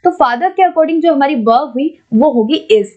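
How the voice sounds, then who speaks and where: Woman teacher, high voice, goes over exam questions patiently, kinda dull lo-fi audio. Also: expressive, a little mellow. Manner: explains patiently, repeats points, keeps checking with "ठीक है"; reads English questions out slowly. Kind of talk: exam-prep lesson.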